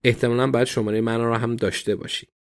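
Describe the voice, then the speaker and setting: A man voicing a brisk older woman who speaks as if she is in charge, in a read storybook. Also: medium pitch, level tone, clear, resonant tone, close to an everyday voice.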